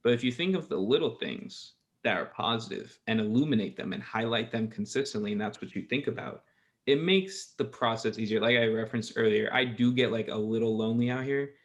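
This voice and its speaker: A man's voice: mid-range voice, fairly quick. A man in his early twenties talking casually as a podcast host, rambling and correcting himself as he goes. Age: 20s. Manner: rambling, self-correcting, laughs easily. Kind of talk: casual chat.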